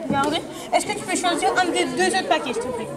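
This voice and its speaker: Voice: extremely high pitch, brisk. A kids party magician doing live show patter, giving volunteers instructions and questions, recorded in a large indoor room. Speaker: magician performing card tricks. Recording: large echoing hall with loud crowd noise.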